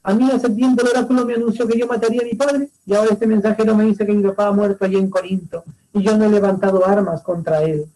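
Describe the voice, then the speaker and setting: A man teacher voicing Oedipus as a proud, anguished young king, commanding and shouting orders. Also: high voice, flat delivery, fast, hardly any pauses, natural voice, poor audio. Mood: assured.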